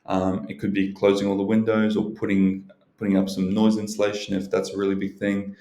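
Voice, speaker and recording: Low, flat-voiced man, rambling casually. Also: a little fast. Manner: rambling, hedging, leans on "you know" and "look". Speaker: video host giving productivity advice. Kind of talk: casual unscripted advice monologue. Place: indoors, in a library. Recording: roomy, echoing indoor sound.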